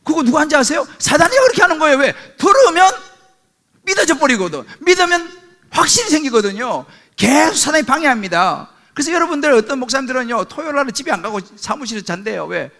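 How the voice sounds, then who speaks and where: A man's voice: very high-pitched, big pitch swings, fast, gravelly, pushed and bright. A middle-aged male pastor preaching a sermon with emphatic rhetorical questions, calling on the congregation for amens.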